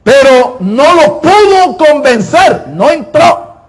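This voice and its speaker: A man preaching a sermon in an emphatic style, repeating his phrases and often pausing on filler words. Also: very high voice, big pitch swings.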